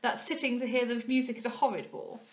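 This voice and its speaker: In a low-quality recording made in an echoey room, a woman with a highish voice speaks fast and steadily as she plays a smug, foppish male captain in an audiobook. She keeps the sound natural while giving him a pompous, affected delivery full of French words.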